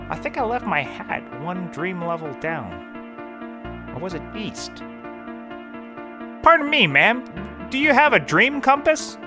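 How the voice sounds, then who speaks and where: In a scripted comedy audio drama, an actor with a medium-pitched voice plays a dazed, bumbling, cheap private detective who rambles deadpan.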